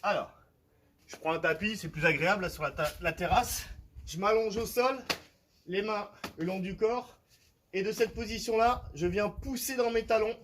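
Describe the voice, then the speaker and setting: A man's voice: sits high, moderate pace, fairly bright tone, slight background noise, rough recording. A man, a fitness coach, explaining and demonstrating home workout exercises, often checking in with his listeners. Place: outdoor terrace at home.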